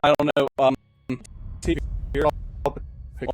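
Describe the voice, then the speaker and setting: A man speaking as an esports caster over an online voice call, his audio choppy and cutting in and out, so his phrases come through halting and fragmented. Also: a little high, level tone. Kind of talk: casual chat over voice call.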